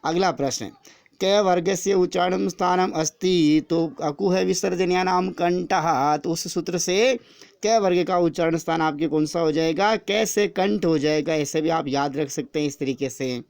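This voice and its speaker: A man's voice: fairly high pitch, unhurried, a little mellow, no echo. A man teaching an exam-prep grammar lesson, explaining step by step and repeating each answer after asking the question himself.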